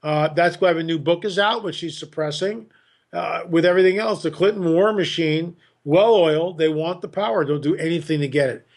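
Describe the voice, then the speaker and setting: A man with a high-pitched voice talks as a podcast guest. He speaks emphatically and with strong opinions, repeats words often and slips into mocking impressions of other people. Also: fairly quick.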